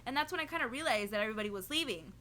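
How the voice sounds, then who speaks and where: Young woman vlogging, high bright voice, chatty, says like a lot, giggly. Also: racing, slight background noise. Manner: chatty, heavy on "like" and "you know"; giggly, animated retelling. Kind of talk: casual storytelling to camera.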